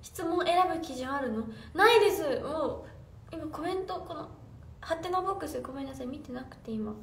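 A woman's voice: sits high, animated, a little fast, creaky, distant mic. A young woman idol chatting casually on a livestream, reading fan comments aloud and answering them with giggles. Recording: roomy echo, off-mic, faint room noise.

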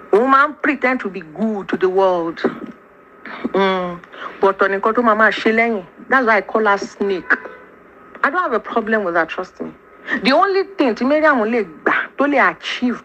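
This is a voice message from a Nigerian woman with a fairly high voice. She lays out accusations in English mixed with Yoruba, stressing each point hard. The recording is dull and lo-fi, with faint noise under it. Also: fairly bright tone. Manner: accusing, emphatic, mixes in Yoruba. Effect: voice message played back. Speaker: sender of a voice note. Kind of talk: angry personal voice message.

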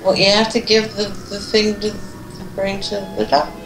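A woman's voice: medium pitch, completely flat delivery, normal speed, noisy background. A woman co-hosting a gaming video, chatting bluntly and swearing casually. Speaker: co-host of a gaming channel. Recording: roomy, distant mic.

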